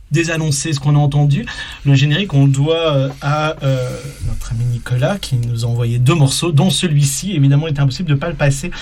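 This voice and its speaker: A man with a French accent hosting a live radio show from a studio, talking in a halting way with many fillers and restarts. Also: medium pitch, darkish tone. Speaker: radio host. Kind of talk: hesitant live radio chat.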